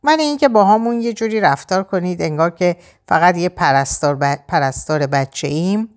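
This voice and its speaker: A woman's voice: lowish voice, lively intonation, natural voice. A woman voicing a harried male bar manager who stammers and restarts his sentences. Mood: flustered.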